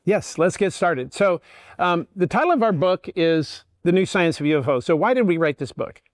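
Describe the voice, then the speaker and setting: Older male lecturer who lays out his points step by step, slightly raised pitch, dry close sound. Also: lively intonation, moderate pace, no room sound. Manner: plain, methodical explaining. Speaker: guest lecturer. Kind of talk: public lecture.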